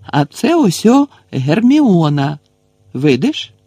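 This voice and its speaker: A man voicing a huge, gentle half-giant who shouts and coaxes in folksy speech, in an audiobook reading. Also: on the high side, very animated, slow pace, husky, dry recording, studio quality, voice pushed up, exaggerated voice. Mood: coaxing.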